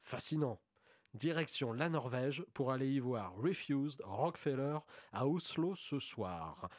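A man's voice: mid-range voice, animated, unhurried, no room sound, clean studio sound. A man hosting a scripted concert guide, reading announcements. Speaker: host.

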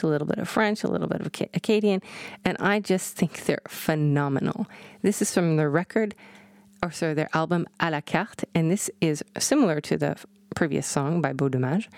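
A woman's voice: lowish voice, a little mellow, no room sound. A woman hosting a music show, chatting casually and enthusiastically between songs and correcting herself as she goes.

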